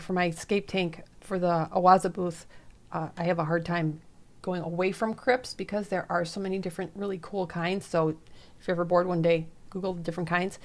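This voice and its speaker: A woman co-hosting a casual live stream, easygoing and a little rambling as she gives suggestions. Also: on the low side. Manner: easygoing, rambling with fillers and restarts.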